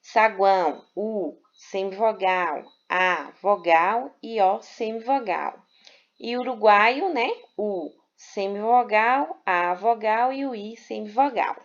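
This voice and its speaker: A woman's voice: mid-range voice, takes it slowly. A woman teaching a grammar lesson, patiently spelling out syllables and checking in with "né?". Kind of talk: explanatory lesson. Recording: dull lo-fi recording.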